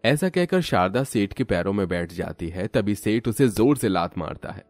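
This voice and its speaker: Man narrating cartoon story, lively pitch, dry close mic, faint music underneath. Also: moderate pace, no room sound.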